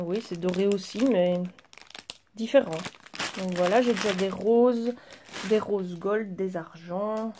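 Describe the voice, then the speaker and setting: A woman chatting casually through a craft shopping haul, pausing with fillers as she handles each item. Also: fairly high pitch, mellow, a little hiss or hum. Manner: chatty, hesitant fillers while handling items. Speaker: craft vlogger. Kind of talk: casual haul show-and-tell.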